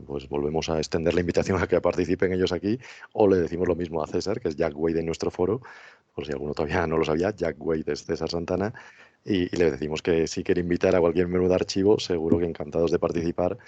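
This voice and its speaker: Fast, deep-voiced Spanish man hosting a podcast. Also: fairly even intonation, warm tone. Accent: Spanish from Spain. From Spain. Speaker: podcast host. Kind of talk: casual podcast chat. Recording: dull, roomy sound.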